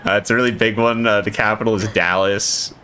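A woman's voice: a bass voice, steady tone, brisk, a bit bright. A woman with an American accent bantering casually on a livestream, arguing in an exasperated, sweary way and repeating her words. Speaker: VTuber streamer. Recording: clear background noise with clicks.

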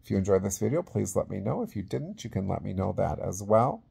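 A man in his forties speaking as a casual awards presenter, halting and conversational, into a phone held at arm's length in a small room. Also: fairly low pitch, big pitch swings, gravelly, mellow, breathy edge. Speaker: vlog host presenting awards. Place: small indoor room with plain wall.

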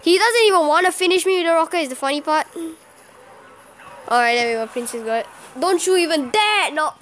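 A woman giving live gameplay commentary as a channel host, excitable and quick to exclaim and groan at each play. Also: sits high, a little hiss or hum.

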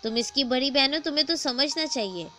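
A woman's voice: on the high side, fairly bright tone, soft background music, natural voice. A woman voicing a harried mother of two young daughters in a storybook, talking emphatically in a raised voice. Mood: scolding. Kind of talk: storybook dialogue.

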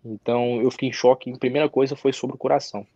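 A young man, a professional footballer, telling his story as an interview guest in a halting way, repeating words and restarting. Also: mid-range voice, fairly even intonation, mellow, dry recording. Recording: dry, slightly dull audio.

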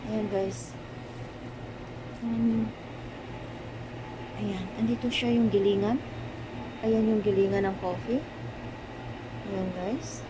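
A woman's voice: mid-range voice, fairly even intonation, slow, long pauses. A Filipino woman vlogging casually on a phone inside a coffee and date shop, chatting to her viewers with a lot of repeated filler words. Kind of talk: casual shopping vlog. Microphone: handheld phone camera. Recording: phone audio with shop noise.

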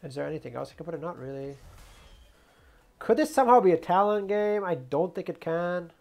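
Gravelly-voiced man muttering through gameplay. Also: high-pitched, lively intonation, a little mellow. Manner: mutters plans to himself, quick bursts of surprise. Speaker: gaming streamer. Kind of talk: gameplay commentary, thinking aloud.

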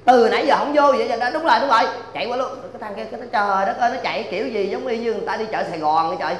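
A man's voice: high voice, racing, slight background noise, lightly acted. An actor playing a bickering, melodramatic father in a comedy sketch, speaking with an exaggerated, pleading delivery. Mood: excited cheering. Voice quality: lively, wailing, exaggerated pleading. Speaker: comic actor in a stage sketch.

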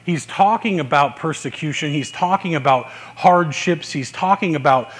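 A man giving a Sunday sermon as pastor, talking in a relaxed, conversational way with many "uh" fillers. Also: fairly high pitch, moderate pace. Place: church service, live-streamed.

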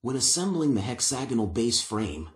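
An older man giving calm, patient, step-by-step woodworking instructions in a workshop, on a lapel mic. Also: medium pitch, normal speed, reverberant. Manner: calm, patient, methodical explanation.

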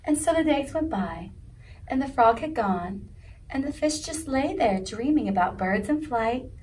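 A woman's voice: high-pitched, lively intonation, measured pace, darkish tone, far from the mic, a little hiss or hum, poor audio. A woman leading a children's story time, reading a picture book aloud in a sing-song voice and asking the kids questions. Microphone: video recording.

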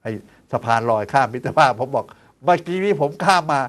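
A man's voice: medium pitch, brisk. A man in his sixties, a doctor hosting a health show, chatting in a folksy way and tossing out teasing questions to his listeners. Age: 60s. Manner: chatty, lively asides, teasing rhetorical questions; counts out exercise steps aloud.

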